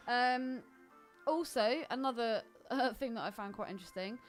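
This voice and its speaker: A British woman co-hosts a podcast, talking about films in a casual, expressive and sweary manner. Her voice is on the high side at a normal speed, with music playing behind it.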